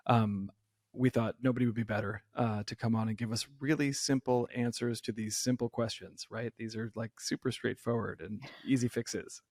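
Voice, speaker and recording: A man hosting a podcast interview in a relaxed, easygoing way, with frequent ums. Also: fairly low pitch. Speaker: podcast host and physician. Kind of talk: casual interview conversation.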